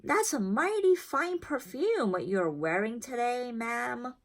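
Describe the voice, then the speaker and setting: A woman's voice: on the high side, sing-song, takes it slowly, exaggerated voice. A woman voicing a courteous blind man in a storybook, folksy, polite and appreciative.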